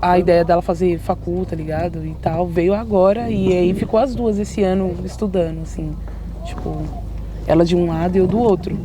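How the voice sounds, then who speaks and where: A woman's voice: fairly low pitch, fairly even intonation, moderate pace, noisy background. A young woman with a São Paulo Brazilian accent, talking casually with slang and lots of fillers. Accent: Brazilian Portuguese, São Paulo. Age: young adult. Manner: slangy, hesitant, many fillers. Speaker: interviewee. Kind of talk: casual chat.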